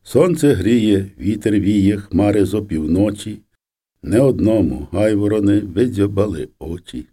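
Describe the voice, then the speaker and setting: A man narrating a memoir as an audiobook, in a steady, measured reading. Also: on the low side. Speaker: audiobook reader.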